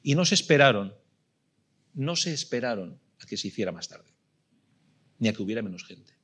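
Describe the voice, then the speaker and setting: Husky Spanish-accented man preaching. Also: mid-range voice, sing-song, normal speed, a bit bright. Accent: Spain Spanish. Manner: emphatic, rhetorical questions, repeats phrases. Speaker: pastor. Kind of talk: sermon.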